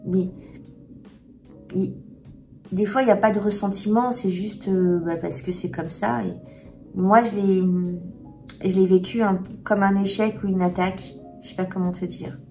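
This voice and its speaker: A woman chatting candidly to camera as a tarot reader, talking frankly and often pausing to search for words. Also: mid-range voice, steady tone, a little mellow, faint music behind. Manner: hesitant, many filler pauses, frank and confiding. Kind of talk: candid casual vlog chat.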